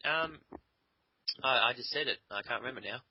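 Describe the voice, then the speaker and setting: Seated at his computer, a man casually chats and teases his co-host as they play a game together, swearing freely. His mid-range voice is fairly quick with a breathy edge. A desk microphone captures a dull, lo-fi, dry sound with no echo.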